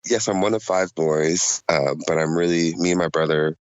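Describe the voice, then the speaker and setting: A man in his twenties from Southern California, a podcast guest telling his story in a relaxed, chatty way with lots of fillers. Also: deep voice, normal speed, no room sound, highs cut off. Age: 20s. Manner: relaxed and chatty, many "um" and "you know" fillers. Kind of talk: casual interview storytelling.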